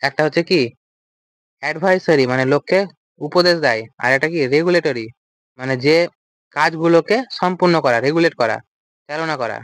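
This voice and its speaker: A man's voice: on the high side, a little fast, long pauses, fairly bright tone, no echo. A man teaching an English vocabulary lecture, explaining step by step and asking and answering his own questions. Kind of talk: recorded lecture.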